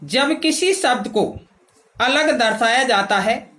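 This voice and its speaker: Slow, deliberate woman lecturer. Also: fairly high pitch, animated, fairly bright tone, rough recording. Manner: slow, deliberate, spells out each punctuation mark. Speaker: teacher-training lecturer. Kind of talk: classroom lecture.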